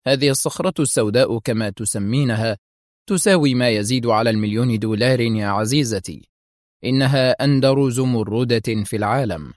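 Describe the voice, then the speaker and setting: A man's voice: mid-range voice, a little fast, no room sound, lightly acted. A man voicing a serious, wry male secret agent with a dry, sometimes mocking manner.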